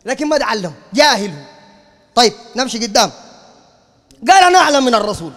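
A man's voice: very high-pitched, very animated, fast talker, a bit bright, long reverb tail. A man with a Sudanese Arabic accent, giving a heated religious lecture in a combative, mocking, lecturing tone. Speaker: preacher.

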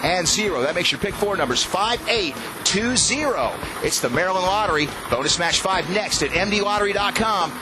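A middle-aged man hosting a lottery drawing, announcing numbers in a booming, playful prize-announcer style. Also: animated, brisk, noisy background. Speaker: radio personality hosting a televised lottery drawing. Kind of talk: scripted live announcing of drawn numbers. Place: TV studio. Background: music.

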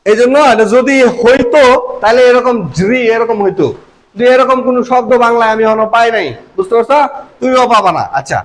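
A man's voice: very high voice, quick pace, slight background noise, rough recording. A man teaching a reading lesson, repeating letter sounds and checking that the students follow. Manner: repetitive, checks understanding with questions.

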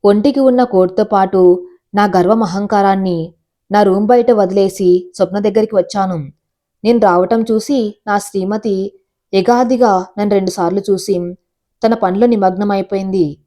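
Brief: woman storyteller, warm mellow voice, even measured reading. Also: medium pitch. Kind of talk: scripted first-person audio story narration.

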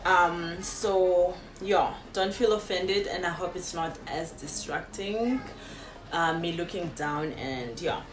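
Her voice sits fairly low and she talks slowly, while the background is noisy and the sound roomy. She's a South African YouTuber in her late twenties, warmly answering viewer questions in a filler-heavy Q&A vlog shot on a phone camera on a sofa in a small room.

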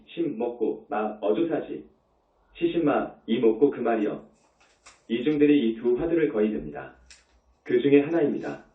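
A male monk gives a dharma talk with a lively, rising and falling voice, pressing his points home through repetition and rhetorical questions. He sounds tinny and phone-like. He is heard from a distance in an echoing space. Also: medium pitch. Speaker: Buddhist monk.

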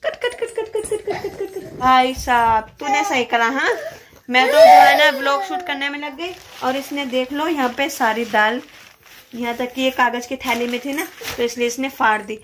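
A woman with a high voice chats to the camera at home, telling the viewer what is going on. The recording is thick with loud background noise that sits right under her voice. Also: moderate pace. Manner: chatty, explains the scene to the viewer. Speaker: family vlogger, mother. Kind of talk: casual vlog narration at home. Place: at home indoors. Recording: very noisy home phone recording.

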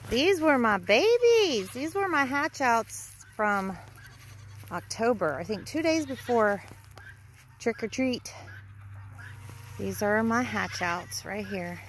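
With a voice on the high side, this woman is expressive, takes things slowly, and pauses often as she vlogs a casual tour of her farm on a handheld phone. She's chatty, talks sweetly to the animals, and is unsure of their breeds. A little hiss or hum is audible.

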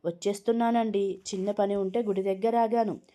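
An insistent middle-aged mother-in-law who coaxes and presses her point, read aloud by a woman. The tone is mellow and warm, and it is the voice of a storybook reading. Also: medium pitch, fairly even intonation, brisk, natural voice. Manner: coaxing and pushy.

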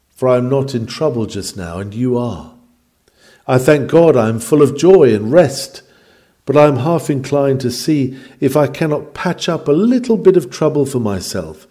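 A man with a mellow, mid-range voice reads a historical sermon aloud. His delivery is earnest and declamatory, with formal, old-fashioned phrasing.

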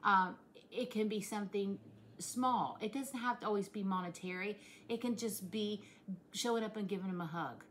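A woman's voice: medium pitch, normal speed. A middle-aged woman, chatting casually to camera in a plainspoken, earnest, folksy way. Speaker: vlogger. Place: home kitchen, indoors. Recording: clearly noisy home recording.

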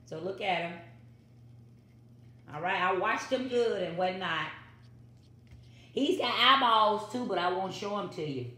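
A woman's voice: medium pitch, expressive, measured pace, pauses often, pushed and bright. Middle-aged woman, chatty cooking vlogger, phone mic on counter, roomy kitchen echo. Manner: chatty, repeats catchphrases to viewers. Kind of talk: casual home cooking vlog. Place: home kitchen. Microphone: built-in phone mic on the counter. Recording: echoey kitchen.

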